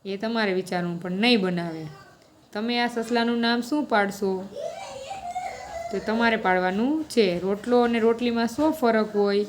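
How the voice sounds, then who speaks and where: A woman's voice: on the high side, moderate pace. A woman, reading a children's story aloud and patiently working through the lesson questions step by step. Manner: patient, explains each answer step by step. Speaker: teacher.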